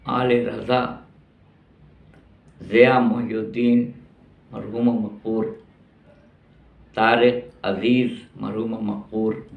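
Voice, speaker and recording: A creaky, medium-pitched voice belongs to an older Pakistani vlogger reminiscing about his city, slowly and reflectively, echoing phrases for emphasis. His tone turns indignant over prices. The clip has a roomy, dull, lo-fi sound.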